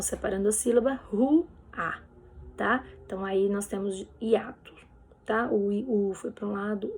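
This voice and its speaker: A woman's voice: mid-range voice, gravelly, a little mellow, breathy edge. A woman teacher with a Brazilian Portuguese accent, going over exercise answers in a recorded lesson. She explains patiently and keeps checking in with her students. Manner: patient, explanatory, ends phrases with "tá bem?".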